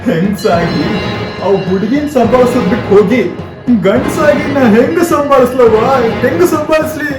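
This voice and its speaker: A man's voice: very high voice, normal speed. An actor with a North Karnataka accent playing a young man who is raising his little sister alone, speaking in pleading, choked-up laments. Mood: grieving. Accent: North Karnataka Kannada. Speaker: actor in a short film. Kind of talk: dramatic short film acting. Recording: echoey room, off-mic, music behind.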